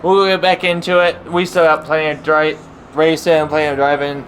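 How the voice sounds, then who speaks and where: A man giving casual, easygoing commentary while he plays a racing game, thinking aloud in a halting way. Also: a little high. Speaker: sim racing streamer. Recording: loud steady car engine noise. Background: racing game car sounds.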